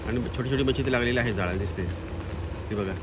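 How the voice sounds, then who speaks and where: A man's voice: medium pitch, quick pace. A man with a Marathi accent chatting to his viewers in a casual vlog by a creek. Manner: chatty, addresses viewers as friends. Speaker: vlogger. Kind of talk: casual outdoor vlog commentary. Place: outdoors by a tidal creek. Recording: outdoor recording with clear background noise.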